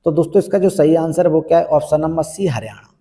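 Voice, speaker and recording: Man teaching in a dark, reverberant room. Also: a little high, fast talker. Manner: repeats each question and answer for emphasis. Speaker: Hindi exam teacher. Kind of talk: exam prep lesson, question by question.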